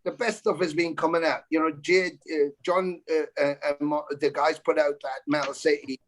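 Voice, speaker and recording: A man's voice: a little high, little pitch movement, moderate pace. A man, a metal musician chatting casually on a video call and talking in long runs with casual swearing.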